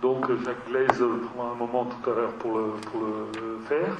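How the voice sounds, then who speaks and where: A man's voice: mid-range voice, level tone, normal speed. A man chairing a town council meeting, talking hesitantly with many fillers and restarts. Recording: echoey room, mic far off, dull sound, faint noise.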